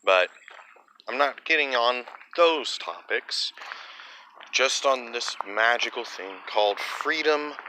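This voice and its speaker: A man's voice: medium pitch, animated, slow pace, bright, forceful tone, a little hiss or hum, low-quality recording. A man delivering a blunt, profane opinion monologue in a ranting way.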